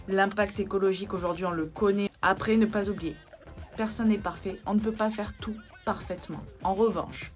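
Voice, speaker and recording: A young woman coach giving casual vlog advice, talking straight to the viewer with friendly asides. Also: mid-range voice. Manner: chatty, addresses viewer directly with asides. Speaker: wellness coach.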